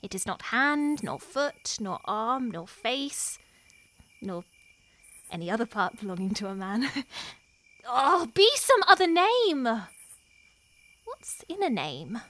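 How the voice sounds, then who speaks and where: A woman's voice: fairly high pitch, big pitch swings, slow, pauses often, full character voice. Juliet, a woman playing a lovestruck young noblewoman. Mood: longing. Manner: wistful, shifting between hushed and impassioned. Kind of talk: Shakespearean stage acting.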